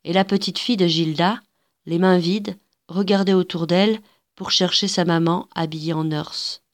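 A woman reading a story aloud with a measured, gentle narration. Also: lowish voice, fairly even intonation.

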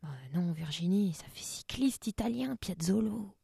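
A woman putting on a lower, hushed voice for an indignant offstage figure who corrects the storyteller. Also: moderate pace, no echo, studio quality, lightly acted.

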